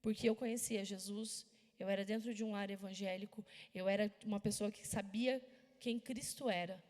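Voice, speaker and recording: A Brazilian woman preaching a sermon in an animated storytelling manner, with sudden loud bursts. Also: mid-range voice, normal speed, big-room sound. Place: church hall.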